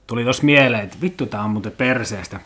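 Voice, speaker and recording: A young man rambling through a solo podcast from his apartment, blunt and full of swearing. His voice sits at an ordinary middle pitch for a man. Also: a bit bright. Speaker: podcast host. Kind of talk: unscripted solo podcast rant. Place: apartment at home.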